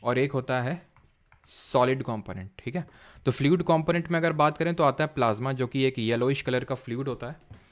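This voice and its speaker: A man's voice: mid-range voice, brisk. Man teaching a live online class. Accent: Indian English terms mixed into Hindi. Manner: explains step by step, asks quiz questions, says "ठीक है" often. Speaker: online tutor.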